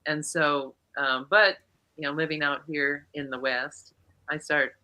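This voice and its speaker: A woman's voice: low-pitched, steady tone, unhurried, pushed and bright. A woman in her sixties, a guest chatting casually, rambling and laughing often. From eastern South Dakota. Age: 60s. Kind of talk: casual chat.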